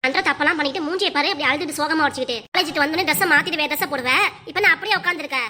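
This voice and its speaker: A woman voicing an angry middle-aged mother who scolds her daughter in a sharp, nagging, sarcastic way, with a Kanyakumari Tamil accent. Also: high voice, racing, faint music behind. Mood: scolding.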